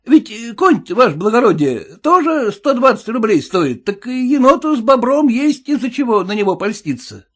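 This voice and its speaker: A man voicing a suspicious, boastful peasant cab driver with a shrill, folksy way of talking. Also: very animated, normal speed, hardly any pauses, full character voice. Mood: wary, relieved.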